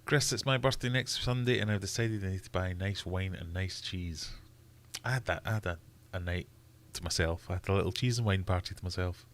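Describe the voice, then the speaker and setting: A man's voice: deep voice, a little fast, fairly bright tone. A Scottish man hosting a casual livestream, chatting and reading viewer comments aloud with frequent laughs. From Scotland. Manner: chatty, laughs often, reads chat aloud. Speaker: livestream host.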